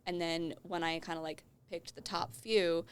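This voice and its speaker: A woman in her twenties from Colorado talks through her thinking as a podcast guest, patient and reflective. Her voice sits a bit low for a woman. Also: fairly even intonation, moderate pace, clear, resonant tone. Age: 20s. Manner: thoughtful, explains at length. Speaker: guest, medical student. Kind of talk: casual podcast interview.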